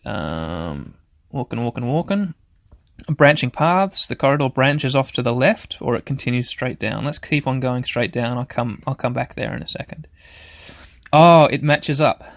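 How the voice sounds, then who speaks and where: A man with a medium-pitched voice talks through a video game in a dry-sounding space. His delivery is casual and rambling, with halting phrases as he thinks aloud and describes each move. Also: expressive, gravelly, no room sound. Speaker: host of a gaming show. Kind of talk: casual let's play commentary. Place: shed.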